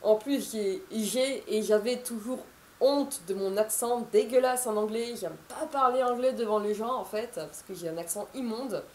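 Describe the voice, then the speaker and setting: A woman's voice: fairly high pitch, moderate pace, darkish tone, roomy sound, a little hiss or hum. A woman in her thirties, an author, chatting to camera in a casual, rambling way with many fillers and restarts. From France. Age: 30s.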